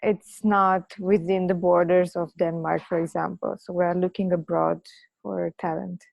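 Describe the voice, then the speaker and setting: A Romanian engineering manager joins a video call as a webinar participant, hesitating and searching for her words. Her lowish voice is level, creaky and somewhat dark, at a normal speed. The call audio is dull, dry and lo-fi.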